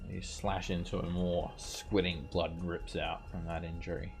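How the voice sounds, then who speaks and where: A man runs a tabletop fantasy game in a casual narrating style. His voice is low and full of fry, with music clearly playing behind him. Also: level tone, a little slow. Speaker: game master.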